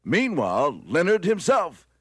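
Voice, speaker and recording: A man's voice: on the high side, huge pitch swings, measured pace, breathy edge, no echo, studio quality, heavily acted. An actor playing a bombastic announcer, a man narrating a superhero radio serial in a mock-dramatic, melodramatic way. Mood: excited suspense. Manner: grandiose, melodramatic.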